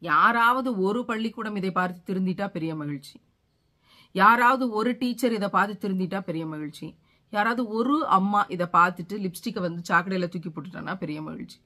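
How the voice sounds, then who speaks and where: A woman's voice: medium pitch, a little fast, bright, forceful tone. A middle-aged woman giving an impassioned sermon, pleading with her listeners and building repeated phrases to fervent peaks. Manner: pleading, rising to fervent emphasis; repeats phrases for rhetorical force. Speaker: religious speaker.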